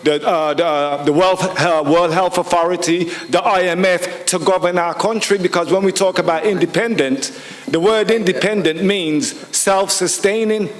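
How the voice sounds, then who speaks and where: A man with a high voice stands up at a public hearing and argues with conviction, piling rhetorical questions on top of one another. His voice carries a long reverb from the large hall. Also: steady tone, normal speed. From United Kingdom. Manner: forceful, rhetorical, repeats points with questions. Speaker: audience member at a public hearing. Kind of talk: impassioned public comment.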